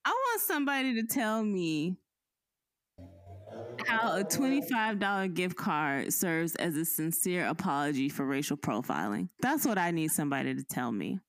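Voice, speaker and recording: Lively low-voiced woman telling a story. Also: moderate pace, faint music behind. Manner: animated, acts out the people in the story. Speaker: podcast cohost. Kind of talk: casual storytelling chat.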